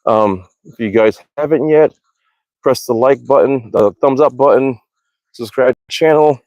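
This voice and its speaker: A mid-range American man at a moderate pace, darkish in tone, rambles informally with slang while livestreaming. This hobby archer is outdoors at his backyard archery range; the recording is dry and the highs are cut off.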